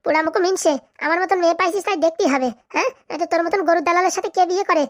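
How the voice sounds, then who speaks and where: A woman voicing a bossy, sharp-tongued cartoon wife who scolds and insults her husband. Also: high voice, racing. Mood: scolding. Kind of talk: comic cartoon dubbing.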